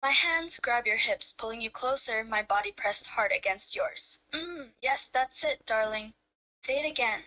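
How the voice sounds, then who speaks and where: Rinoa, a woman playing a bright-voiced possessive lover. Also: on the high side, unhurried, highs cut off. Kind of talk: live-streamed romantic roleplay reading.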